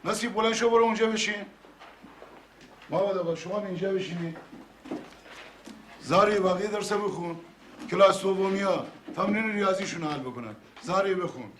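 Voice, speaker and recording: A man's voice: sits high, pauses often, a bit bright, echoey room, a little hiss or hum, poor audio. An actor playing a firm village schoolteacher who gives commands to his class. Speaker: teacher.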